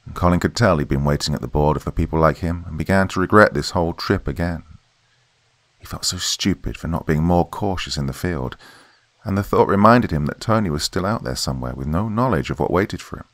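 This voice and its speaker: A man narrating a horror story in a steady, measured reading voice. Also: low voice, dry recording.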